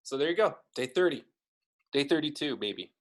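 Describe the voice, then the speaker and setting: A man's voice: a little high, lively intonation, normal speed. A man hosting a podcast over a video call, upbeat and joking, with lots of fillers. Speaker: podcast host. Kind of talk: casual chat.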